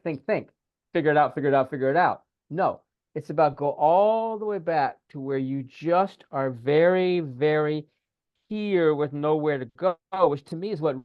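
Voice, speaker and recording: A man co-hosting a casual podcast, talking in an animated, repetitive way and coaching a listener through a guided breathing exercise over a video call. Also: on the high side, no room sound, dull audio. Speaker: podcast co-host, spiritual teacher.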